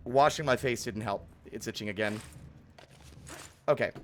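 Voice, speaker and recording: A man's voice: mid-range voice, normal speed, a little hiss or hum. A man live streaming a game, chatting informally with his viewers and often interrupting himself. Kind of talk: casual live stream chat while playing.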